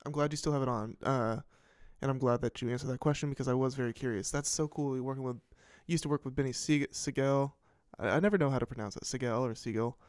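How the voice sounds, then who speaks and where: Recorded in studio quality with no room sound, a mid-range male podcast host runs a casual commentary show. He reads headlines and reacts in a rambling, profane way, often cutting himself off to start over.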